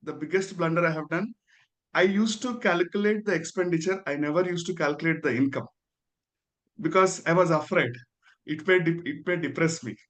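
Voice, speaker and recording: A man's voice: fairly high pitch, normal speed, a bit bright. A man with an Indian accent giving an earnest testimonial as a guest, very deferential and often ending his phrases with "sir".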